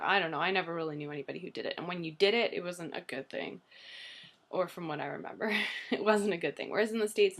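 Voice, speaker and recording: A woman's voice: on the low side, gravelly. A young Canadian woman in casual vlog chat, rambling and giggling as she pokes fun at herself. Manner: rambling, giggly, self-deprecating. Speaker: vlogger.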